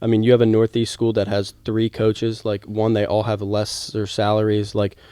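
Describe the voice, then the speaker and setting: Low, mellow-voiced man talking baseball. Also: monotone, normal speed, smooth, no echo. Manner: rambling, many restarts, heated. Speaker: podcast co-host, former college baseball player. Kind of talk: casual sports talk.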